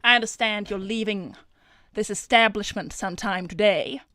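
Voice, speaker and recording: A woman's voice: medium pitch, moderate pace, bright, forceful tone, no room sound, studio quality, close to an everyday voice. Breezie, gushing glamorous hedgehog, played by a woman. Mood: flattering, coy. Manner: gushing, theatrical, formal phrasing. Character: Breezie, flirtatious, smooth-talking glamorous female cartoon hedgehog. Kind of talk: improvised in-character livestream role-play.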